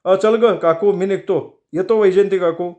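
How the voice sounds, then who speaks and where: A man's voice: high-pitched, fairly even intonation, normal speed, a little mellow, lo-fi sound, voice pushed up, close to an everyday voice. A man reading as a shifty, falsely cheerful young man.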